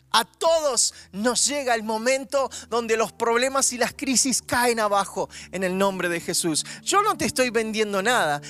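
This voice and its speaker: A man preaching a fervent sermon with a Rioplatense accent, swinging from loud bursts to hushed words. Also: sits high. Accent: Rioplatense Spanish. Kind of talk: online Easter sermon.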